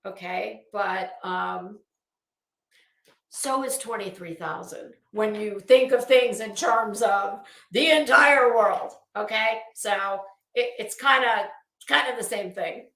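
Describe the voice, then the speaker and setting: A channel host delivers an unscripted opinion rant in a blunt, scornful, emphatic way. Her medium-pitched voice is slow, gravelly and fairly bright, and the recording sounds roomy with echo.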